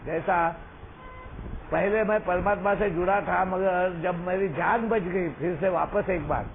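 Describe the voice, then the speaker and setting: A man talks through a tinny, phone-like line with a faint hiss underneath. His voice sits fairly high for a man. He tells a long story in an earnest, unhurried way and keeps checking that his listener is still with him. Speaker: recovery sponsor sharing. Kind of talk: storytelling over a phone call.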